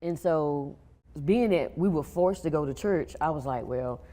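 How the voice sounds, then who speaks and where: A woman guest tells her story on a talk show, speaking quietly and haltingly. Her voice is low and mellow. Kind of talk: personal testimony interview.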